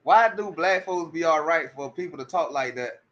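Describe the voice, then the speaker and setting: A commentary streamer talks casually in a slightly high, bright, forceful voice with lively intonation at normal speed. He stammers and restarts, keeps repeating rhetorical questions, and the audio is a little muffled and lo-fi.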